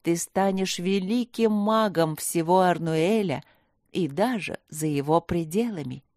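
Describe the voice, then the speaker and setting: A woman playing a calm, kindly old male elder wizard who talks in a melodic way. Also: fairly low pitch, a little slow, no room sound, clean studio sound.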